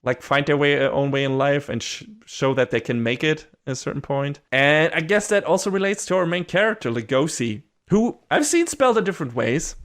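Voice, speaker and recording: A man's voice: on the high side, expressive, a little fast, few pauses, fairly bright tone. A man co-hosting a podcast, chatting casually in a rambling way, swearing and laughing often. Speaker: podcast co-host.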